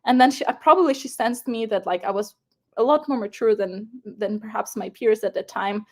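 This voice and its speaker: This is a young woman, Ukrainian accent, voice a touch high, sharing her own story during an interview. She's lively and informal, with plenty of fillers, false starts and short laughs.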